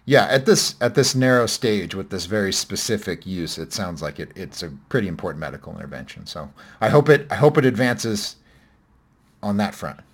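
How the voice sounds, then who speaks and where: A man's voice: on the low side, sing-song, normal speed. A man hosting a casual podcast discussion, talking in a rambling, self-correcting, wry way. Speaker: podcast host.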